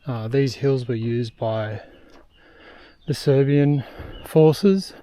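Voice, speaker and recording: Speaking extremely slowly in a mellow, medium-pitched voice, a young travel vlogger narrates a casual walking vlog as he hikes uphill outdoors on a hillside trail. Filming with a handheld camera, he's short of breath and rambles, filling gaps with ums and uhs.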